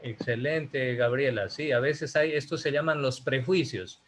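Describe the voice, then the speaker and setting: A man's voice: medium pitch, fairly even intonation, unhurried, background noise. A man from Ecuador, teaching an online class over a video call and speaking emphatically, putting rhetorical questions to his students.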